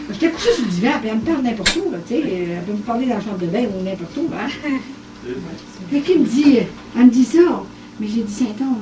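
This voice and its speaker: A woman's voice: on the high side, noisy background. Older Québécois woman telling a story. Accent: Québécois French. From Quebec. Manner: animated, acts out dialogue, laughs often. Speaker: storyteller at a gathering. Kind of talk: casual storytelling. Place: living room at a private evening gathering. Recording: echoey home cassette recording from far off.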